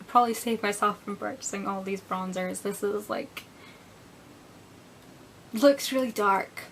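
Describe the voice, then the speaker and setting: A woman's voice: mid-range voice, a little hiss or hum, low-quality recording. A young woman chatting casually through a beauty product review, rambling a bit and dropping into whispered asides. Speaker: beauty vlogger.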